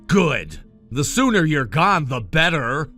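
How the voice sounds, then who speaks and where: Guy acting as snotty young med student brother in a family drama, condescending, bright voice w really swoopy pitch. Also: sing-song, takes it slowly, soft background music, full character voice. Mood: curt, cold. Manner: condescending, cutting, dismissive. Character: arrogant, contemptuous young medical-student brother. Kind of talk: dramatized family-conflict story dialogue.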